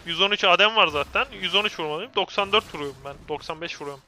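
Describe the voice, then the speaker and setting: A young man streaming a game, commentating live in an excitable way and ranting at and taunting his opponents. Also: high voice, fast talker, slight background noise.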